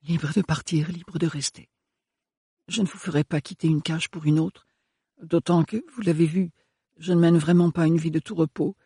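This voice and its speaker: A soft, hesitant young woman murmuring her words, timid yet earnest, as a male audiobook reader puts her on. The voice sits higher than his own and stays husky, in a dry, close recording. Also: steady tone, moderate pace, no echo. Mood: contrite.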